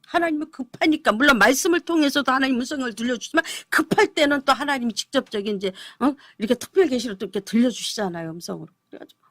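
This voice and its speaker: A woman's voice: high-pitched, lively intonation, rapid-fire, a bit bright, no room sound. A middle-aged woman pastor giving an emotional, pleading testimony, her voice at times breaking into tears. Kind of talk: emotional testimony on a gospel broadcast.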